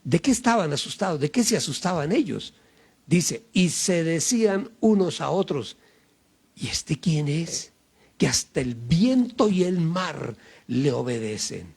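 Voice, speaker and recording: A man preaching a sermon in a slow, deliberate way that leans hard on key words. His voice sits a little high, with a gravelly, husky edge, and his pitch rises and falls with lively emphasis. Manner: slow, emphatic preaching with many pauses and fillers. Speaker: pastor.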